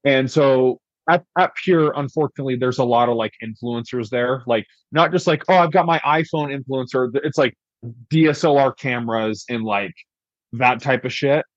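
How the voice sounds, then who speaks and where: A man's voice: medium pitch, normal speed, no room sound. Young male guest, chatty and profane, many fillers, muffled dry audio. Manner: rambling, heavy use of "like", profane. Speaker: podcast guest. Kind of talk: casual storytelling. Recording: dry, dull lo-fi podcast audio.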